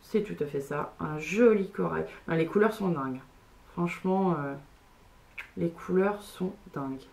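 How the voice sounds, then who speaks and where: A woman's voice: on the low side, unhurried, creaky, a little mellow. A woman beauty vlogger chatting casually through a makeup haul, hesitant and full of fillers.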